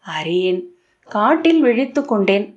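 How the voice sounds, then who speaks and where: A woman's voice: medium pitch, very animated, measured pace. Woman reading dazed young man, bewildered, dreamlike telling, muffled lo-fi sound. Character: dazed young male sage's disciple. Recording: dull lo-fi audio.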